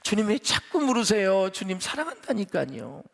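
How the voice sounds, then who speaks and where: A man's voice: sits high, very animated, moderate pace, creaky, full character voice. A man voicing an impetuous, emotional male disciple who insists on his love for his teacher. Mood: insistent. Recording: echoey church hall.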